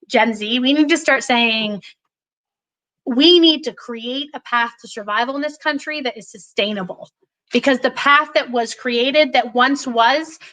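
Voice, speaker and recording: A woman's voice: a little high, pushed and bright, low-quality recording. A woman in her forties, a political candidate talking passionately in a podcast conversation, emphatic and full of restarts.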